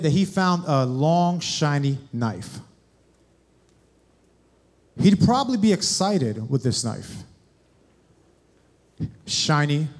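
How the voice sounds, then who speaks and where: A young man preaching a sermon, addressing the congregation directly with questions. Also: fairly high pitch. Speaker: guest preacher.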